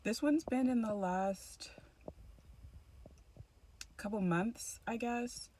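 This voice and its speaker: A woman's voice: a little high, takes it slowly, dark tone. A young woman casually telling a story to camera, rambling with lots of fillers and restarts. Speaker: tarot channel host.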